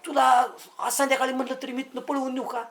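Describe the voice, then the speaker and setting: A man's voice: very high-pitched, completely flat delivery, fast talker, fairly bright tone. An actor playing a brash lovesick young village man, boastful and full of rustic banter. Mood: sweet-talking. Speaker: lovesick suitor. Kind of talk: village comedy acting.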